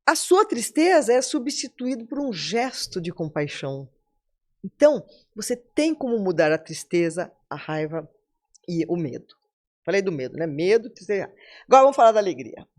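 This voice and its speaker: With big swings in pitch around a mid-range voice, a Brazilian woman in her seventies encourages listeners as a podcast guest. She speaks at a moderate pace with a Brazilian Portuguese accent, talking right to her audience.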